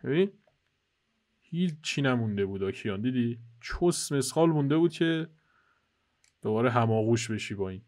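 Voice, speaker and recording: مرد جوان شوخ در حال گزارش بازی. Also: male voice, mid-range voice, lively intonation, pauses often, a little mellow. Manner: joking, teasing, chatty guide to viewers. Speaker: gaming channel host. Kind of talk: casual co-op gameplay commentary. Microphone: headset.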